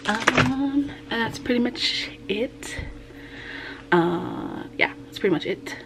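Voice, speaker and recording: A young woman talking softly to a camera on her kitchen counter. Her voice drops close to a whisper as she shows each item. The talk is quick and casual. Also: on the high side, expressive, gravelly, heavy background noise. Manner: quiet, half-whispered show-and-tell. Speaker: vlogger. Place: home kitchen, indoors.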